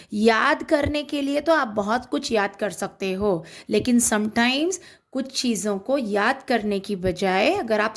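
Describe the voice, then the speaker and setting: A woman with an Indian accent teaching an English grammar lesson, explaining slowly and deliberately as she switches between English and Hindi. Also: high voice.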